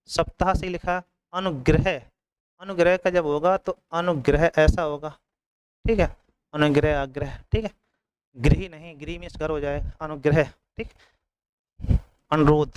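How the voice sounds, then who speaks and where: Clear-voiced male coaching teacher. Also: high voice, dry recording, low-quality recording. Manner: repeats words and checks in often with students. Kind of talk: exam coaching lesson.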